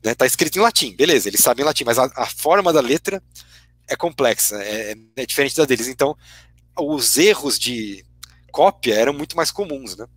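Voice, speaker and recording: A guest lecturer with a Brazilian Portuguese accent explains an academic topic in a teacherly way, tagging his sentences with constant "né" questions. His mid-range voice is expressive and fairly bright, a little fast, with no room sound.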